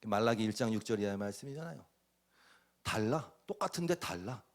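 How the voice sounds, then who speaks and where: A man preaching a sermon as pastor, dramatic, acting out voices and swinging from loud bursts to near whispers. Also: on the low side, lively intonation, fairly quick.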